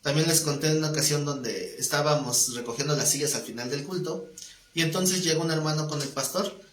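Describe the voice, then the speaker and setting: A man's voice: on the high side, a little fast. A man teaching a Bible class, telling an anecdote and acting out the dialogue. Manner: animated storyteller who acts out dialogue. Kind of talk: anecdotal live class talk. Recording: echoey room.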